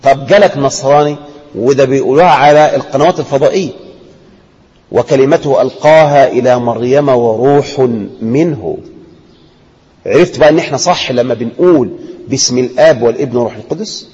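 A man with an Egyptian Arabic accent teaching a religious lesson, acting out debates and often dropping to a low, quiet voice. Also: brisk, husky. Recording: echoey hall, dull lo-fi sound.

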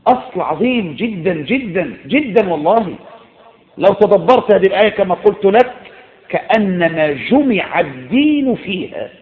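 Emphatic Egyptian preacher, echoey lo-fi recording. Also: male voice. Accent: Egyptian Arabic. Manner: emphatic, repeating phrases, swinging between loud exhortation and low intensity. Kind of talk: sermon.

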